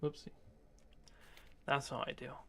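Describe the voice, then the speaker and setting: A man's voice: slow pace, a bit bright. A sardonic, sweary man giving casual live commentary on a game. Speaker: live streamer. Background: game music.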